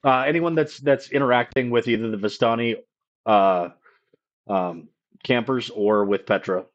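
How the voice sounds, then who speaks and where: A man running a live-streamed tabletop game as game master, rambling and halting with many fillers. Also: mid-range voice, dull audio.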